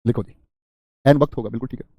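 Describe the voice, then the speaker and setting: A man's voice: mid-range voice, fairly even intonation, fast, creaky, warm tone, no echo. A man teaching an exam-prep grammar class live, repeating word lists, quizzing students and answering their chat comments with small jokes.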